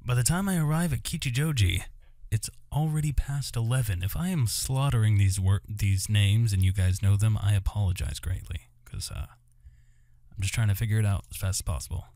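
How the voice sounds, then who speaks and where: This gaming host speaks in a lowish, mellow voice at an ordinary pace, recorded cleanly in a studio with no echo. He narrates visual novel text with asides, stumbling on certain words and names, while guitar game music runs underneath.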